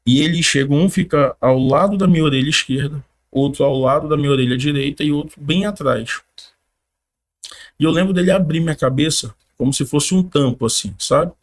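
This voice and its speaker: A man's voice: a little high, brisk. A young man from Brazil, a podcast guest animatedly telling a personal testimony, often laughing and calling the listener "cara".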